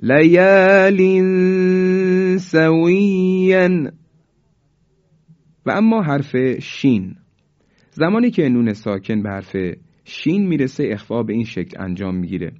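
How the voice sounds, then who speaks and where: A man's voice: medium pitch, very animated, dark tone. Man teaching recitation, dull lo-fi sound. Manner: alternates brisk explanation with slow, drawn-out recited examples. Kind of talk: recitation lesson. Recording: dull lo-fi recording.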